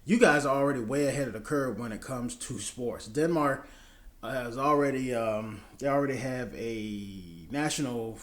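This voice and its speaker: A man's voice: medium pitch, normal speed. An American man in his thirties, casually answering viewer questions in a loose, rambling way. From United States. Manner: rambling, loose and chatty with many fillers. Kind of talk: casual chat. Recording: echoey room.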